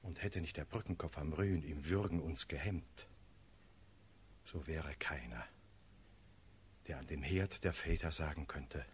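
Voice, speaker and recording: In a classical radio play, a male actor plays a grave cavalry officer delivering a solemn, measured report in verse. His voice rumbles low, with a little hiss or hum.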